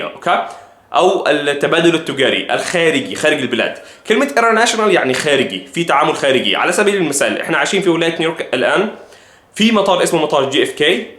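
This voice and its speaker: Egyptian man teaching slow English. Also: on the high side, fairly bright tone, roomy sound. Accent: Egyptian Arabic. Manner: slow careful repetition of English phrases. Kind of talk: language lesson.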